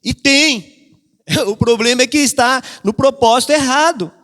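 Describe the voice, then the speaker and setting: A pastor delivers a sermon in a high, slightly bright voice at normal speed, hammering his key phrases over and over. He briefly acts out the voices of the people he quotes. The long reverb of a church hall rings around him.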